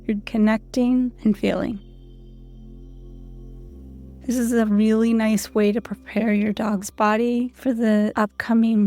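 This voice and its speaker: A woman with a fairly high voice leads a guided audio lesson, speaking in calm, soothing, unhurried instructions. Soft music plays faintly behind her. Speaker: canine rehab instructor.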